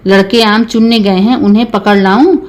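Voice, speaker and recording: Stubborn hurt husband, bitter, sulky, read-aloud story, woman reading, middle pitch. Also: fairly even intonation, moderate pace, close to an everyday voice.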